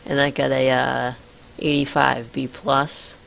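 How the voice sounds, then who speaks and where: A man's voice: mid-range voice, level tone, takes it slowly, gravelly, fairly bright tone. A man co-hosting a podcast in casual comedic chat, sarcastic and crude. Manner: sarcastic, crude, laughing asides, gives letter grades. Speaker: podcast co-host.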